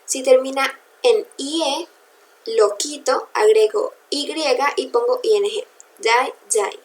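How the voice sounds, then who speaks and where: A woman's voice: high-pitched, takes it slowly, poor audio. A woman teaching English grammar in a recorded lesson, patiently spelling out letters and checking in with her students.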